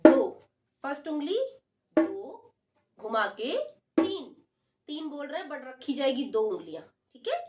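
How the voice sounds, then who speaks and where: A woman's voice: high voice, very animated, a little slow, long pauses, over music. A woman teaching the dholak online, patiently explaining and counting beats aloud. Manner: patient, repeats counts loudly while drumming. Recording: dholak drumming behind the voice.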